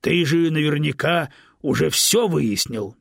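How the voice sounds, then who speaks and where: A man's voice: on the high side, animated, unhurried, creaky, no echo, clean studio sound, voice pushed up, heavily acted. A man reading an audiobook, voicing an elderly male stone who complains and pesters eagerly in a raised, insistent voice. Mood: eager, indignant. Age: older. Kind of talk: audiobook character voice.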